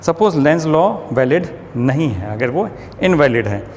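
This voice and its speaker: A male physics teacher giving a lecture, explaining step by step and asking and answering his own questions, slowing down to read statements aloud with care. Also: a little high, lively intonation, darkish tone. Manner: switches to slow, careful reading of English statements. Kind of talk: classroom lecture. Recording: long reverb, faint ambient noise.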